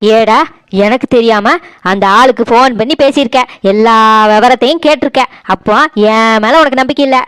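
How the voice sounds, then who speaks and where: A woman's voice: a little high, normal speed, clean tone, dry recording, natural voice. A woman with a Tirunelveli Tamil accent voicing a domineering, scolding older mother-in-law in a cartoon. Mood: aggrieved. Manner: scolding, accusing, self-pitying. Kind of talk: cartoon voice acting.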